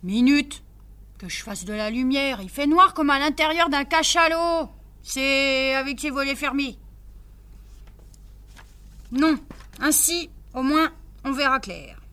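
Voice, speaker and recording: A hot-tempered sea captain from a comic-book story, exclaiming and blustering, voiced by a woman reading aloud. The voice is high and bright. He speaks slowly. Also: full character voice. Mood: excited.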